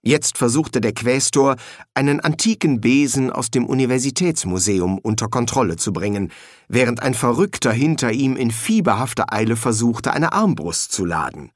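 Man, audiobook narrator, expressive, animated delivery, dry close sound. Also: medium pitch, moderate pace, no room sound. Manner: expressive, lively reading. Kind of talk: scripted narration.

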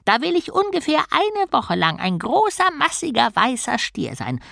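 A woman's voice: high-pitched, huge pitch swings, normal speed, vocal fry, fairly bright tone, no echo, clean studio sound, voice pushed up, heavily acted. A woman voicing a grumpy male god trapped as a small tortoise, indignant and sarcastic, in an audiobook. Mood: sorrowful. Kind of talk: audiobook character voice.

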